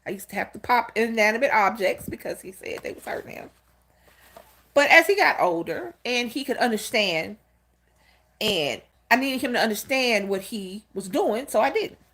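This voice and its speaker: Lively fifties woman chatting with viewers. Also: a little high, normal speed. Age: 50s. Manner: candid, storytelling, talks straight to viewers. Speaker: channel host. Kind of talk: casual livestream talk greeting chat viewers.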